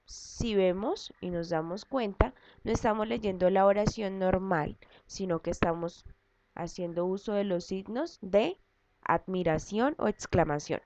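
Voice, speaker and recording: A woman's voice: mid-range voice, measured pace. A woman teacher giving a recorded lesson, explaining step by step and repeating each point patiently. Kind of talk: recorded class lesson for students. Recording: dull lo-fi audio with loud background noise and clicks.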